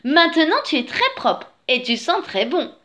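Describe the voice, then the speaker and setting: A woman's voice: high-pitched, sing-song, measured pace, fairly bright tone, pitched above the performer's own voice, full character voice. A woman doing a bossy clean she-bear. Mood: pleased. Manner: insistent, scolding, raised voice. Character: pretty clean female bear, bossy, insistent.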